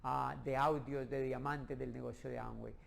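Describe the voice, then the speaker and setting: A middle-aged man from Colombia, telling his own story in a lively way and acting out the lines of the people in it. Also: mid-range voice, moderate pace, creaky. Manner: lively storyteller who acts out quoted dialogue. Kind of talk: animated personal storytelling.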